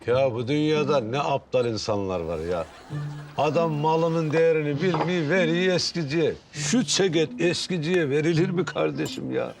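A man's voice: a little high, moderate pace, creaky, faint music behind. An actor playing a boastful, stubborn man in a comedy series who refuses to give up a jacket he bought secondhand. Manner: brash, stubborn, laughs at others. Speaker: sitcom character.

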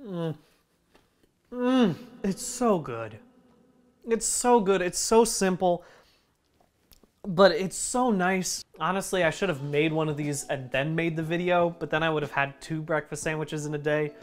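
In his home kitchen, a man hosts a comedic cooking demo, cracking jokes and poking fun at himself while he cooks. His voice sits fairly high, with a steady tone and a slightly slow pace, and his manner is playful and self-mocking.

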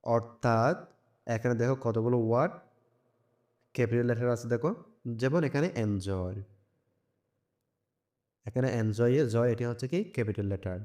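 A man with a Bangladeshi accent teaching a primary English lesson, reading English lines slowly and then explaining each one. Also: medium pitch, darkish tone.

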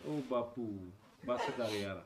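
A man's voice: mid-range voice, takes it slowly, noisy background, natural voice. A man playing a grumbling, defensive son who gives in when his sister scolds him. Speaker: son, head of the household.

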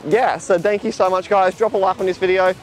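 Filmed by a tripod camera a few metres off, this young adult Australian man vlogs about his travels at a sunny seaside lookout with a jetty and beach. His high-pitched voice runs a little fast, chatty and relaxed with plenty of fillers, and he gestures as he walks. Soft music plays behind him, and the audio is poor.

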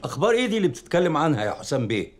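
An indignant man fires off his words at a very fast pace. His slightly high voice swings widely up and down as he pushes back. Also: big pitch swings. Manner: indignant, sharp. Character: indignant man who refuses to be taken lightly.

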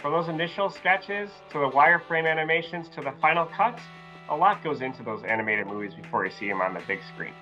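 A man's voice: on the high side, expressive, fast talker, pushed and bright, lo-fi sound, faint music behind. A man in his thirties, an art teacher giving an enthusiastic online art lesson to young children. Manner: upbeat, enthusiastic, talks to children. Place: virtual classroom backdrop, indoors.

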